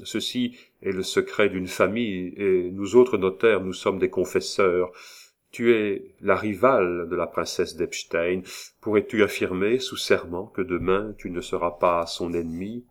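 A man reading the part of a despairing young notary, speaking gravely and wearily. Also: sits low, fairly even intonation, measured pace. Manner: grave and weary. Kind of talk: read-aloud novel dialogue.

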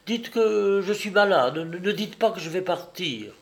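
A man's voice: sing-song, fairly quick, gravelly, fairly bright tone, heavily acted. Man voicing a distraught, impatient young lady. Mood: panicked. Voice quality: strained, urgent, pitched up. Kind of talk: audiobook character reading.

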